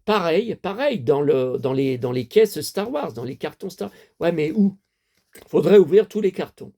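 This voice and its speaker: A man's voice: a little high, lively intonation, moderate pace, creaky, warm tone. A man in his fifties, a collector chatting casually to camera, rambling and repeating himself with many fillers. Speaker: toy collector vlogger.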